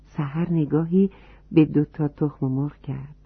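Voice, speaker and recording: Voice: mid-range voice, fairly even intonation, husky, no echo. A narrator telling a storybook tale to children and speaking to them directly. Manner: warm, addressing children directly. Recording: dry, tinny phone-like sound.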